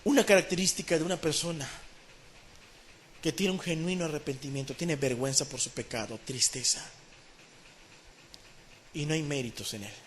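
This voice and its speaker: A man with a Mexican Spanish accent preaching a sermon, swinging between hushed pleading and loud, fervent repetition. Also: a little high, normal speed, long pauses, slight background noise.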